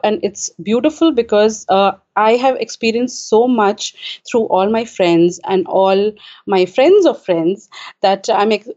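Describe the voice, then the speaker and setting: Woman from kuwait, author guest, halting speech full of fillers, slightly muffled audio. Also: medium pitch, darkish tone. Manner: hesitant, many filler "uh"s. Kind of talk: casual interview talk. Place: home in Richmond.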